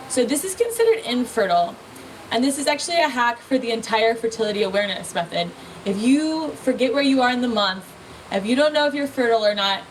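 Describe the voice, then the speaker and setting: A woman teaching natural birth control at a festival workshop, talking casually with lots of "like" and questions she answers herself. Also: a little high. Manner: casual, chatty, frequent "like" and rhetorical questions. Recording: distant mic with faint ambient noise.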